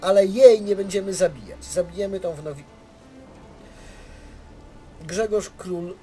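A man's voice: sits high, fast talker, mellow. A man giving casual, playful and self-mocking gameplay commentary as a let's play host. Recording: game music behind the voice.

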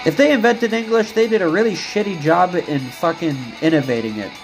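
A man's voice: high-pitched, lively intonation, a little fast, low-quality recording. A man chatting on a game stream, rambling and cursing as he answers his chat. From United States. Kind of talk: casual live-stream chat while gaming. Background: music.

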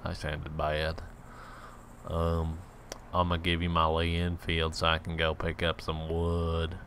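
Low-voiced man rambling over gameplay. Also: monotone, a little slow, a bit bright, a little hiss or hum. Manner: rambling, joking self-talk; slips into mock hillbilly drawl. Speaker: let's play gamer. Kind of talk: casual gameplay commentary.

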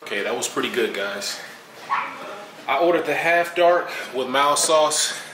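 A man in his thirties with a Chicago accent, chatting casually to the camera in a relaxed vlog from inside a car. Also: medium pitch, measured pace, a crowd in the background. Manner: relaxed, chatty, says "finna" and "you know". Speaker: vlogger. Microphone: camera on the dashboard. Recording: car interior with road noise.

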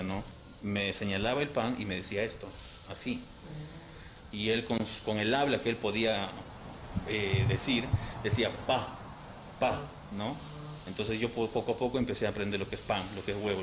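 A man's voice: on the low side, fairly even intonation, a little fast, background noise. A man in his thirties from Peru, a restaurant cook, talking reflectively in an interview with hesitant restarts, speaking through a face mask. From Arequipa, Peru. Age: 30s. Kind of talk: casual interview. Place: restaurant kitchen, indoors. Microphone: handheld reporter mic, face mask on. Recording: interview with music underneath.

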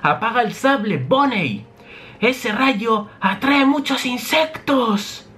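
A man's voice: very high voice, lively intonation, takes it slowly, sharp tone, pitched above the performer's own voice, heavily acted. A man voicing an eccentric male genius scientist who explains his ideas at length. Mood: pleading. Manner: explanatory, lecturing.

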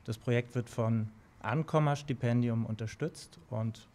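A man introducing his project in a friendly, straightforward way in a bright meeting room, speaking into a handheld microphone. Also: medium pitch, a little slow. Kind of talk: workshop self-introduction. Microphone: handheld mic.

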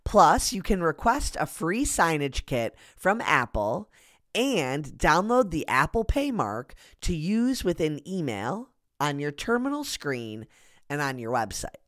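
A woman's voice: deep voice, sing-song, slow, a bit bright, dry recording. A woman hosting a podcast, reading a scripted, upbeat explainer of business tips in an instructive way, close to a studio mic. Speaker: podcast host.

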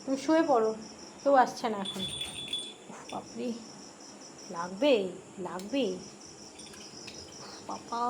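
A woman's voice: on the high side, lively intonation, slow pace, pauses often, noisy background. Woman coaxing and scolding her dog. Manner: scolding and coaxing, repeats herself. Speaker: dog owner filming her pet. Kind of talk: casual talk to a dog.

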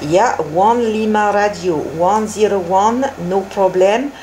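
Slow-paced woman operating ham radio. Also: mid-range voice, dark tone, a little hiss or hum, low-quality recording. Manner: repeats call signs and confirmations. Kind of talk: ham radio contact, phonetic call signs and signal reports. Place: indoors at a desk with radio set.

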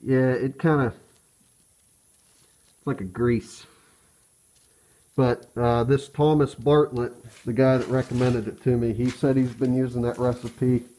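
An American man gives a casual hands-on walkthrough with his voice muffled by a respirator mask. His tone is mellow and mid-pitched. He speaks plainly and haltingly, feeling for his words as he works. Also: steady tone, a little hiss or hum. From Pennsylvania, US. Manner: hesitant, halting, plain-spoken. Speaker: DIY truck restorer. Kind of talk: casual hands-on how-to talk. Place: cluttered workshop, indoors.

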